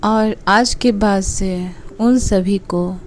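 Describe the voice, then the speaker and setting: Speaking in short, soothing phrases with pauses between them, a woman guides listeners through a meditation at an unhurried pace. She keeps a steady tone at medium pitch.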